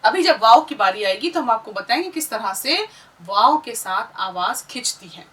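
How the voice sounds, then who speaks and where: A woman's voice: a little high, expressive, moderate pace, a bit bright, recorded from a distance, poor audio. A woman teaching an Urdu lesson, patiently spelling out syllables one at a time and having listeners repeat after her. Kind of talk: slow classroom lesson, spelling out sounds.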